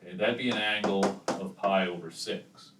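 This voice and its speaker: A man's voice: sits low, steady tone, normal speed. A man teaching a math lesson at a chalkboard, explaining step by step in a casual way, with chalk scratching and clicking behind him. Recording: echoey room, distant mic, background noise.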